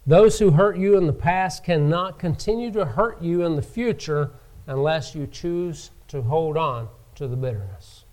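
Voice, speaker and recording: A man preaching a sermon from the pulpit, slow and emphatic, rising in pitch and volume to stress his points. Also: darkish tone. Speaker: pastor.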